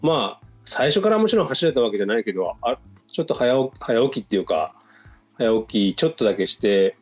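Animated man hosting a casual chat. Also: mid-range voice, brisk, faint music behind. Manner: inquisitive, responsive. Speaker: conversation host.

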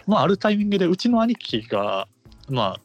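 A man's voice: sits high, very animated, a little fast, muffled recording, faint music behind. A man with a Kansai accent talking casually and explaining things in a conversational way. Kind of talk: casual chat.

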